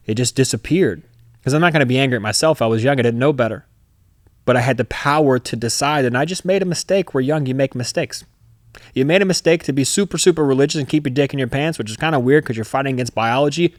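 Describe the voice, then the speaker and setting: A man talking in a candid, unfiltered way, swearing freely and leaning hard on his words. His voice sits at an ordinary middle pitch, and the sound is close and dry with no room around it. He tells his story with plenty of emphasis and sudden bursts of force. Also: no echo. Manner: emphatic, profane, swings into loud re-enacted outbursts. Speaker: podcast host.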